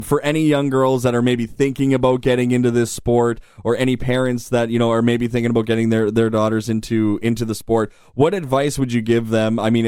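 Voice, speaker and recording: A man's voice: medium pitch, darkish tone, clear, resonant tone, no room sound, studio quality. A man hosting a radio interview, asking long, wordy questions with some fillers. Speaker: interviewer host.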